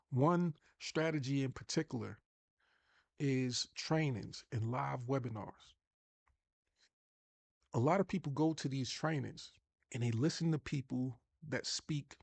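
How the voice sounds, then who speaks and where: New york guy from long island doing a motivational coaching talk, gravelly voice, dry close sound. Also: mid-range voice, darkish tone, no room sound. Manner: emphatic, restarts and repeats words. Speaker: online marketing coach.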